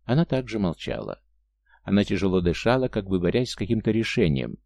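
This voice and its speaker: A man narrating a science fiction novel as an audiobook, in a measured, even storytelling manner. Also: on the low side, creaky, no echo.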